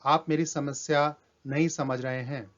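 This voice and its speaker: Teacher guy, slow and careful, kinda high voice, muffled lo-fi audio. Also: fairly even intonation, fairly bright tone. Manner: slow and deliberate, reads English examples out word by word. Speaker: English teacher. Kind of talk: grammar lesson. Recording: dull lo-fi sound.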